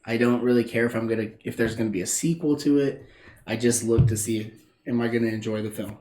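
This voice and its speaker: A man's voice: medium pitch, steady tone, fast talker, warm tone. Opinionated, teasing young man. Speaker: podcast co-host. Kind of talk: casual chat. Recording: echoey room.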